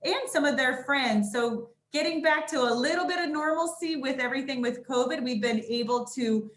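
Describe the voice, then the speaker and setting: A woman's voice: sits high, normal speed, fairly bright tone. A woman speaking through a face mask, giving a welcoming presentation as a sales and marketing director on a video call. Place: indoors at a senior living community, on a video call. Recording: roomy echo.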